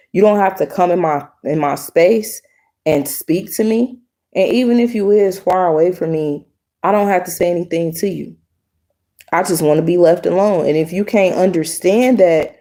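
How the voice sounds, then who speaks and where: A woman's voice: on the low side, mellow. A young adult woman vlogger giving a casual opinion monologue to the camera, blunt and emphatic, repeating her points.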